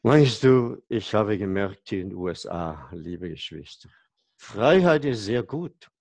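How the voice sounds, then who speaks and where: A male preacher speaks in a lowish, creaky voice. He moves slowly and haltingly, searching for words and asking his listeners questions. The sound is dry and close. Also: expressive, a little mellow, no echo. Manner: halting, searching for German words, self-interrupting; asks listeners rhetorical questions. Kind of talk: conversational sermon to congregation.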